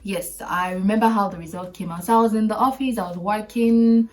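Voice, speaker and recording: Woman vlogger spilling a story, lively and chatty, laughs a lot, mic a bit far off. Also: mid-range voice, fairly quick, soft background music. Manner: animated, chatty, laughs often and acts out friends' lines. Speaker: podcast host. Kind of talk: personal storytelling to viewers.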